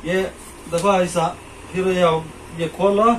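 A man's voice: high-pitched, flat delivery, takes it slowly, fairly bright tone, slight background noise, rough recording. A middle-aged man from India in a small shop, casually demonstrating fishing gear to a camera and repeating his points to the viewer. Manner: repetitive, points things out to the viewer. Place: small cluttered shop, indoors.

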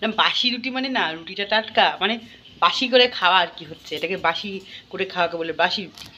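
A woman talks to her viewers in a relaxed, chatty vlog. Her voice sits at a middling pitch, and she speaks straight to the camera. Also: fast talker, a little hiss or hum. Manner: chatty, talking directly to viewers. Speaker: vlogger. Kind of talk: casual vlog narration to camera.

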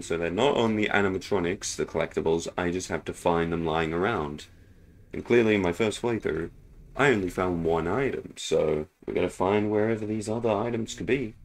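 A man hosting a casual horror game playthrough, thinking out loud and exclaiming at scares. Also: low voice, a little hiss or hum. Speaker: gaming video host.

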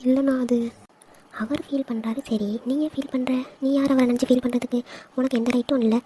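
A woman's voice: high voice, steady tone, a little fast, warm tone, slight background noise, lightly acted. A woman voicing a lovestruck young sister in a cartoon, emotional and playful. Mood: pleading. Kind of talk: cartoon dialogue acting.

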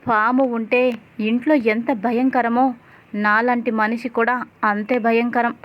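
A woman's voice: on the high side, little pitch movement, a little slow, muffled recording, close to an everyday voice. Boastful scheming housewife, as a woman narrator puts her on. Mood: gloating. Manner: boastful, menacing. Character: scheming middle-aged woman plotting to control the house.

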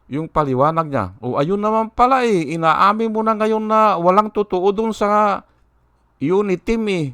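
A man's voice: a little high, a bit bright, no room sound, clean studio sound. A man giving political commentary like a sermon, speaking rhetorically, often asking his listeners questions and quoting scripture. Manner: rhetorical, keeps asking "hindi ba?", quotes scripture. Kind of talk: political commentary vlog with preaching.

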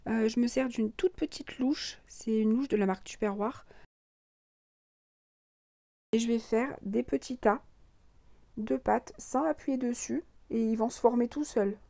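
A hoarse woman who has lost her voice, calmly narrating a recipe step by step as a cooking host. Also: on the high side, measured pace, pauses often, no echo. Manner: calm step-by-step instructions.

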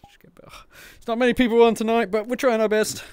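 A man with a very high, somewhat mellow voice and flat delivery streams from a virtual world, and his tone is clean. He banters casually, giggling and teasing, quick to break into laughter.

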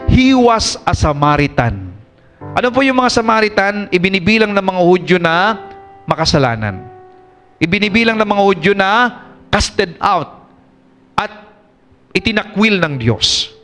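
High-voiced Filipino pastor preaching. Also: male voice, fairly bright tone. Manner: switches between Tagalog and English, reads scripture slowly; asks the congregation questions. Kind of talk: sermon.

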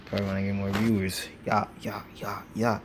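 A teenage gaming channel host talks fairly quickly in a lowish, flat voice, rambling over a mobile game with many fillers. He records at home on a phone screen recorder, and the background is noisy as a train passes outside.

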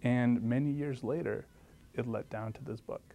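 Brief: man from Lithuania, thirties, studio interview guest, warm mellow tone, animated telling. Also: normal speed, creaky. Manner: animated storytelling, lively pitch jumps. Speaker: guest professor. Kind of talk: interview answers. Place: studio set, seated. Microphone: lapel mic.

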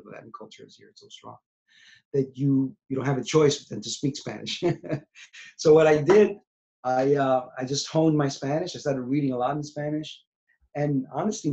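Over a webcam video call, a man in his forties from New York City, who writes and sings songs, chats casually in an interview from his small home room. He has a mid-range voice, rambles, restarts a lot, and trails off quietly, all in dull, lo-fi call audio.

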